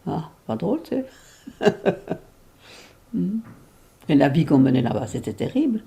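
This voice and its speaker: Very old woman with a gravelly voice. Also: deep voice, sing-song, warm tone. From Belgium. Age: over 90. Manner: halting, emotional, with restarts and tearful moments. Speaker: great-grandmother telling her life story. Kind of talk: intimate spoken memoir.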